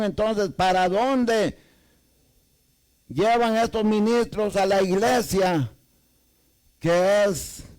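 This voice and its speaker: A man's voice: sits high, darkish tone, clean tone, low-quality recording. A man preaching a sermon to a congregation with a Salvadoran Spanish accent, asking many rhetorical questions. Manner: rhetorical questions to the congregation, repeats "amados hermanos".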